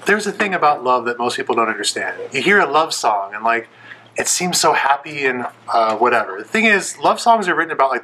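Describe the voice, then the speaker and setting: A man's voice: medium pitch, pushed and bright, slight background noise, rough recording. A teenage boy presenting a life-lesson segment in a casual, earnest way, with lots of fillers. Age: teens.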